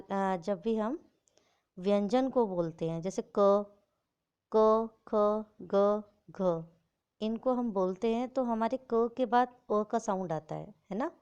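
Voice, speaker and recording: A woman teacher guides small children through the alphabet at an unhurried pace. Her voice is smooth and clear, set at an ordinary middle pitch. She sounds out each letter and keeps asking the class whether they follow. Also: mellow. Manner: patient, explains slowly, checks in with "है ना" and "ठीक है". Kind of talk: children's Hindi alphabet lesson.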